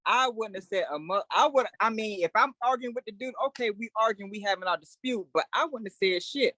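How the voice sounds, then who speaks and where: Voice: medium pitch, brisk, bright, forceful tone, no room sound. A co-host in a casual podcast, blunt and teasing, laughing often.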